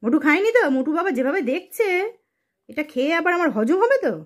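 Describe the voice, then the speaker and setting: A young woman, a mother chatting casually with her small child and coaxing him along with many gentle questions. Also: high voice, very animated, quick pace.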